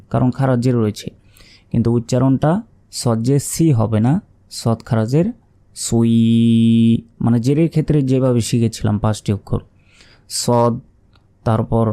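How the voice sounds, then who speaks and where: A man teaching Quran letter pronunciation step by step, speaking Bengali with a Bangladeshi accent and repeating each sound slowly and patiently. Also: mid-range voice, warm tone. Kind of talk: step-by-step recitation lesson.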